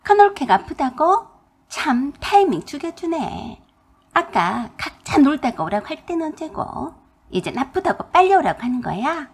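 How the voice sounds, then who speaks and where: A woman's voice: fairly high pitch, very animated, normal speed, gravelly, darkish tone, breathy edge, full character voice. A woman voicing a selfish sister-in-law who complains in a sarcastic tone for a radio drama.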